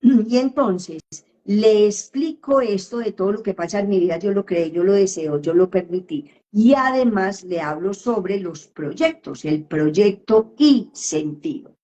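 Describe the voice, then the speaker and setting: A woman therapist answering questions in a live online session, speaking slowly and emphatically and often checking in with her listener. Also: medium pitch, expressive, warm tone, dull audio. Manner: slow, emphatic, with frequent question tags.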